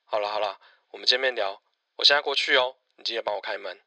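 A man's voice: fairly low pitch, fast talker, bright, forceful tone, no room sound. A man playing a worried but easygoing husband phoning his wife in an audio horror drama. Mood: casual.

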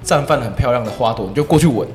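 Fast-talking man explaining whisky. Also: mid-range voice, soft background music. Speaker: whisky instructor. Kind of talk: casual chat.

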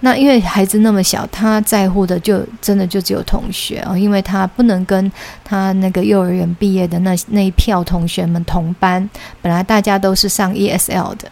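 A Taiwanese woman in her thirties chats through her solo podcast, a children's English teacher speaking at an ordinary mid pitch. Her voice carries a gravelly, creaky texture, and she pauses on frequent "uh" fillers while mixing in English words. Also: steady tone, darkish tone. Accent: Taiwanese Mandarin. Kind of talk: casual solo podcast talk.

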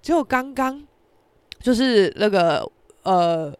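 A young woman with a Taiwanese Mandarin accent, hosting a podcast and telling a story in casual talk, acting out her friends' lines in a high, excited voice. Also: slow pace, clear, resonant tone, no room sound, clean studio sound. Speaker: podcast host.

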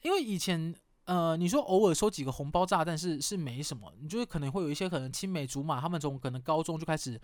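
A man's voice: fairly high pitch, fast talker, few pauses, no echo, clean studio sound. A man around thirty, hosting a podcast in candid, rambling, self-mocking casual chat with mild swearing. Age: 30s. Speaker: podcast host.

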